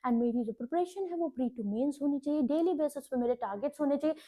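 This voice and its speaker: A woman's voice: high-pitched, fairly quick, mellow. A young woman teacher giving direct, instructive bank exam preparation advice in a lecture, often checking in with her students. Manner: direct, instructive, frequent "ठीक है" check-ins. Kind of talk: Hinglish exam-prep lecture.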